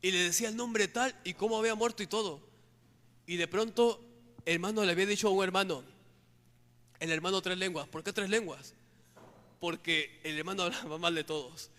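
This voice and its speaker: A man's voice: high voice, brisk, long pauses, bright, forceful tone, big-room sound. A man preaching a testimony sermon, fervently calling his listeners "brother" again and again. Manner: fervent, calls listeners "hermano" constantly.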